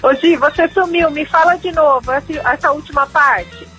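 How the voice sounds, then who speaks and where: High woman over a phone line. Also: normal speed, a bit bright, faint music behind. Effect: over a phone line, thin and distant. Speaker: guest expert. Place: remote call into a radio show.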